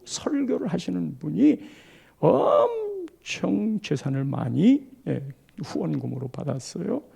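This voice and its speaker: A man, a pastor preaching a sermon, who swings from hushed asides to loud cries and acts out the people he quotes. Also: high voice, vocal fry, breathy edge.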